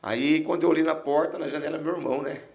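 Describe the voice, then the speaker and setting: A middle-aged Brazilian man, a pastor, telling an emotional testimony in a podcast conversation, dropping to a hush as he nears tears. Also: on the high side, fairly even intonation, fast, creaky, highs cut off. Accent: Brazilian Portuguese. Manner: emotional storyteller, falls quiet and near tears.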